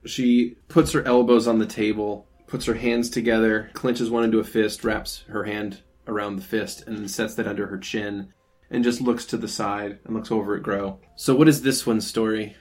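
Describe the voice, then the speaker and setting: A man's voice: lowish voice, flat delivery, moderate pace, darkish tone. A man narrating a tabletop role-playing game as game master. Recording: music playing behind the voice.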